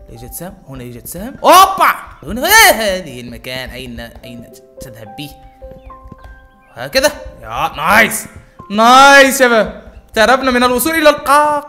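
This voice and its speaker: A gaming YouTuber giving live gameplay commentary, excitable, muttering prayers under their breath and talking straight to viewers. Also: medium pitch.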